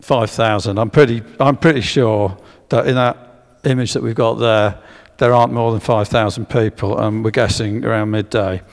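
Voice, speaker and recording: A man's voice: lowish voice, steady tone, moderate pace, few pauses. A man giving a public history talk with slides, hesitant with many fillers and restarts, drawing guesses from the audience. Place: church. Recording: long echo of a church hall.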